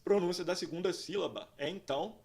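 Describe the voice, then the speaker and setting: Man, Portuguese native, slightly high voice, patient drilling teacher, scripted lesson. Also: darkish tone. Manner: slow, careful, repeats example words for drilling. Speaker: pronunciation teacher.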